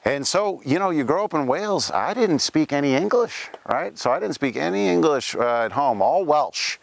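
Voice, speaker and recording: Outdoors in a cemetery, a costumed tour performer takes on the ghost of a Welsh-born pioneer gold miner, recounting his life in first-person reenactment. His folksy telling is full of asides, delivered at normal speed in a higher, sing-song male voice with vocal fry.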